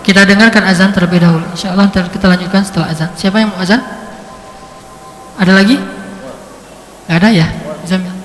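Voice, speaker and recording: A man giving a religious lecture, telling stories with lively shifts in pitch. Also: fast, long pauses, a little hiss or hum. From Indonesia. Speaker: preacher. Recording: echoey hall.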